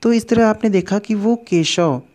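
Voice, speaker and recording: A man's voice: high-pitched, a little slow, a little mellow. Hindi-speaking male teacher retelling a story. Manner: retells and explains as he reads, with fillers and restarts. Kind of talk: explaining a story lesson.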